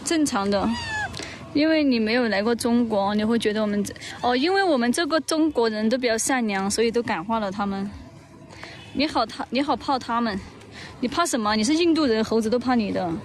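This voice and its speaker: A woman hosts a casual livestream on her phone from an outdoor park. Her slightly high voice chatters and teases, then slips into cooing baby talk. Faint ambient noise sits behind her. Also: animated, a little fast. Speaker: livestream host.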